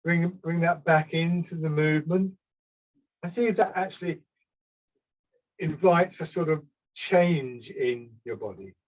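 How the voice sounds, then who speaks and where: A man gives calm, unhurried step-by-step tai chi cues as an instructor, sometimes hesitating and correcting himself. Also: a little high. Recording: slightly dull, lo-fi sound.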